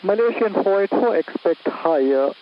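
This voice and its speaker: A man's voice: sits high, lively intonation, moderate pace. A male air traffic controller giving terse instructions in clipped phraseology over an aviation radio, like a helmet radio. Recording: dull lo-fi radio with faint hiss.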